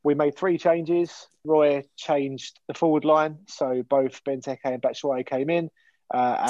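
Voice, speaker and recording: A man's voice: medium pitch, a little mellow, no room sound, highs cut off. A man hosting a casual football podcast, talking frankly and steering the chat between his co-hosts. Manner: conversational, frank, steers the talk. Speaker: podcast host.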